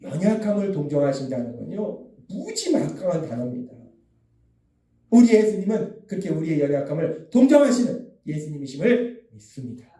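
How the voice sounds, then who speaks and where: Pastor guy preaching sunday sermon, dark mellow voice, repeats his key lines, far off in a big echoey room. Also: a little high, big pitch swings, fairly quick. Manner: emphatic, repeats key phrases, acts out quoted speech.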